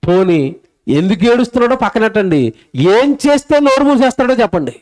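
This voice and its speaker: A man giving a lively sermon as a pastor, asking the congregation questions and acting out a baby's voice. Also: high-pitched, brisk. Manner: animated preaching, asks the crowd questions; acts out a crying baby's voice.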